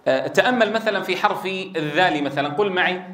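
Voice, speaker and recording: High-voiced man teaching in an echoey room. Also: quick pace, a bit bright. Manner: explains and quizzes the class, drills sounds aloud. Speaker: Quran recitation teacher. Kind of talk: classroom lesson with drills.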